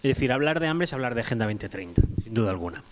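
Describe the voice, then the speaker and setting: A man's voice: mid-range voice, sing-song, racing, a little hiss or hum. Emphatic man at a panel. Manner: emphatic, repeats points, many restarts. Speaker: panel speaker. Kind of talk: round-table talk.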